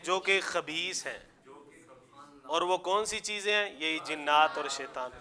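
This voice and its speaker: A young man teaching a recitation class, explaining pronunciation and supplications to his students, then chanting phrases slowly for them to repeat. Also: a little high, pushed and bright.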